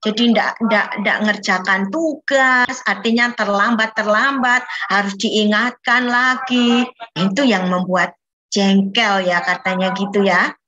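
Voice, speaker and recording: A woman's voice: mid-range voice, steady tone, unhurried, pushed and bright, highs cut off. A woman leading a children's Bible lesson over a video call, patiently coaxing the kids with questions. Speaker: children's Sunday school teacher.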